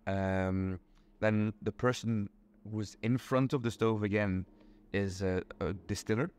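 Speaking unhurriedly in a fairly low, slightly mellow voice with a clean tone, this young Belgian guest walks through his explanation step by step. He is patient and says um a lot during the casual interview chat, which takes place in a small room indoors.

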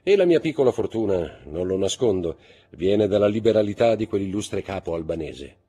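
A man's voice: lowish voice, big pitch swings, moderate pace, mellow, husky, pitched above the performer's own voice. A man voicing a stiff, guarded middle-aged general.

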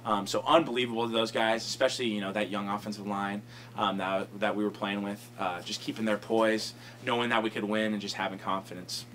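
A man's voice: fairly low pitch, flat delivery, fairly bright tone, slight background noise. A young man, a college football lineman, answering reporters at a post-game press conference, rambling and full of fillers at a table microphone. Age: young adult. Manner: fast, rambling, many fillers like "you know" and "um". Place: press conference room, indoors.

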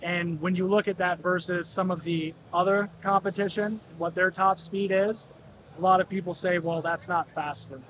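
A man in his thirties speaks at a moderate pace in a steady tone, giving a polished, explanatory sales pitch as a product representative demonstrating a utility vehicle. He is in a large indoor expo hall, with the busy crowd noise around him. A camera mic picks him up at close range.

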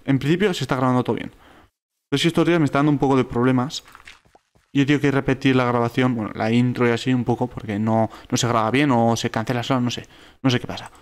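Fast-talking Spaniard narrating gameplay. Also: male voice, medium pitch. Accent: Spain Spanish. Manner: excitable, repeats words rapidly when alarmed. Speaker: gaming YouTuber. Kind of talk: let's play commentary.

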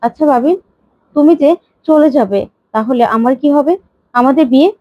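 Woman voicing anxious young fiancée, worried, high voice, dry dull audio. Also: normal speed, no room sound, natural voice.

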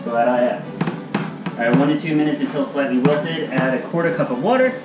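In a home kitchen, a man with a mid-range voice talks fairly quickly as he helps his partner cook, coaching and teasing her in a casual vlog chat. The camera sits across the room from the mic, so the audio is distant, echoey and dull, with music playing.

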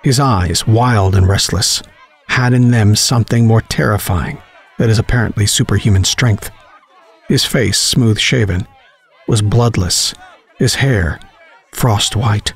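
A man narrating a horror story, reading in a measured, dramatic way. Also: lowish voice, creaky, slightly rough.

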